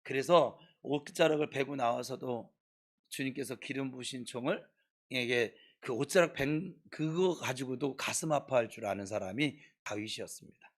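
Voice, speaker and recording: A male pastor delivering an evening prayer sermon in church, exhorting his congregation and swinging between soft explanation and scolding outbursts. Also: medium pitch, moderate pace.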